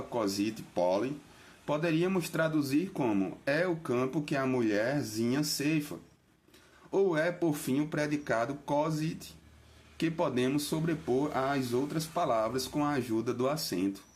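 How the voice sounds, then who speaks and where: A man reading a linguistics lecture aloud in a measured way, stressing the words of example phrases. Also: medium pitch. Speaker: reader of a linguistics text.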